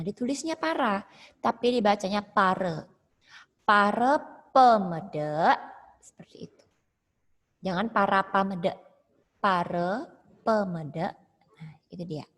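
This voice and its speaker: Brief: female teacher, slow and patient, explains each step, echoey video-call sound. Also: mid-range voice. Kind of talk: online class instruction.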